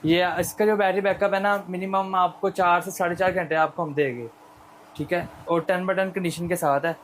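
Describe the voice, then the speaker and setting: A male shop seller with a Pakistani accent giving an unscripted, persuasive sales pitch in repetitive patter. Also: fairly even intonation, normal speed, a little hiss or hum, poor audio.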